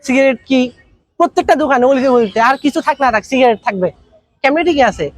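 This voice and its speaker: A man's voice: very high voice, lively intonation, quick pace, no room sound. A man giving a business masterclass in a colloquial way, telling stories with acted-out dialogue. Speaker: business trainer. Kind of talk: masterclass talk.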